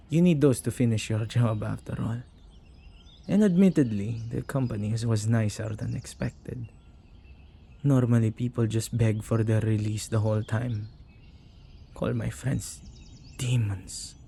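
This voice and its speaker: Playing an excitable, caring witch who keeps company with ghosts, a man speaks close to the listener in a husky, gravelly voice for a conversational ASMR roleplay. His pitch is medium, and the mood turns resigned and soft.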